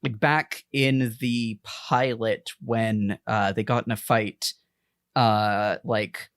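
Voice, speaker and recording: A man's voice: fairly low pitch, steady tone, slow pace, a bit bright, clean tone, no room sound, studio quality. Rambling, swearing man on a podcast. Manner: rambling, swears often, laughs a lot. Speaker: podcast co-host. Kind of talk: casual chat.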